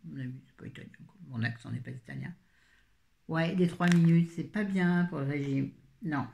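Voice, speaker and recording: A woman's voice: deep voice, sing-song, moderate pace, gravelly, warm tone. A woman in her fifties chatting casually through a grocery haul, rambling with self-mocking asides. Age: 50s. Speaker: vlogger.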